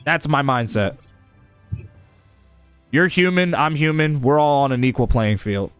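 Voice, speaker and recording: A man hosts a casual gaming livestream, his voice lively and swinging up and down in pitch. He often repeats and restarts his words as he talks. The sound is dry and close. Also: a little slow, clear, resonant tone, dry recording, faint music behind. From United States. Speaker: livestream host. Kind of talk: casual gaming stream chat.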